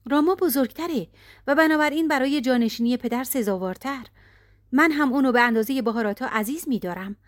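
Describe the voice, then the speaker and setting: A woman voicing a young queen who speaks in a calm, regal, measured way. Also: high voice, no room sound, studio quality, lightly acted. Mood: calm gracious. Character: young proud queen, torn and wilful.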